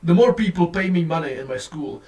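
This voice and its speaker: A man's fairly high voice rants on in a casual, profane, rambling way. It sounds like a low-quality phone recording, with the speaker set some way off from the mic. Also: lively intonation, a little fast, a little mellow, recorded from a distance. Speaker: vlogger. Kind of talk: casual rant to camera.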